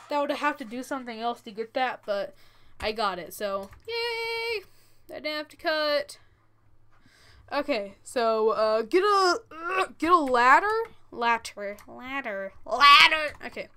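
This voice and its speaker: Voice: mid-range voice, a bit bright, clean tone. A thirteen-year-old who says w for r, giving casual, informal step-by-step commentary as host of a gaming tutorial. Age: 13 years old. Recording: noisy, with keyboard and mouse clicks.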